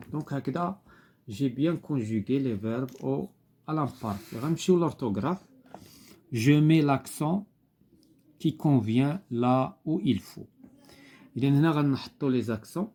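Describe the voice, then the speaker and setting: Moroccan guy teaching homework, slow and methodical, mellow voice. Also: mid-range voice, slightly rough. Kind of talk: explaining homework step by step.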